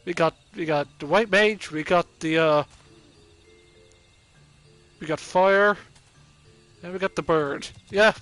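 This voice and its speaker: A man's voice: high voice, slow, long pauses, a bit bright, faint music behind. A man with an Irish accent hosting a game playthrough in casual, off-the-cuff commentary. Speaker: gaming video host. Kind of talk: casual let's play commentary.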